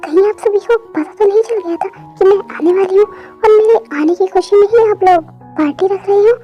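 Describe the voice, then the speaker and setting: A woman's voice: very high-pitched, moderate pace, lo-fi sound, soft background music. A woman voicing a cheeky, attention-seeking young woman in a fan dub. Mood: chirpy.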